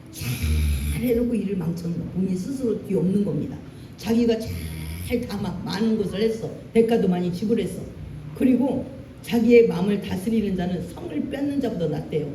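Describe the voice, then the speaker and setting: A woman pastor preaching a sermon in a church, animated, acting out lines in a raised voice. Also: mid-range voice, a little fast, roomy sound, distant mic, a little hiss or hum. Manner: animated preaching, acts out Moses' angry lines. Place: church sanctuary.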